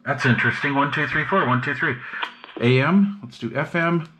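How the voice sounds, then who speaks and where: At a moderate pace and medium pitch, a hobbyist vlogger talks through a radio repair at his indoor workbench. He's relaxed and slangy, muttering as he thinks out loud, while clicks and noise come through clearly.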